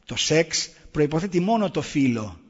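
A man's voice: a little high, big pitch swings, breathy edge. A middle-aged man giving an earnest public talk, answering the audience with pointed rhetorical questions. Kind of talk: public talk on raising children. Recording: echoey hall, dull lo-fi sound.

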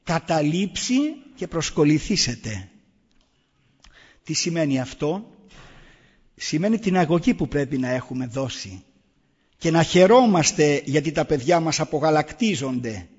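A middle-aged man with a slightly high, breathy-edged voice speaks earnestly to an audience and presses his points with rhetorical questions. His voice rings with a long echo from a large hall, and the recording sounds dull and muffled. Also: animated, pauses often, darkish tone. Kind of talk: public talk on raising children.

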